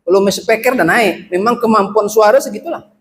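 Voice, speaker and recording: High-voiced Riau Malay preacher. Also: male voice, fairly quick, a bit bright, slight background noise. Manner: humorous storytelling, rhetorical questions. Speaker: Islamic preacher. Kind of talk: lively mosque sermon. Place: mosque.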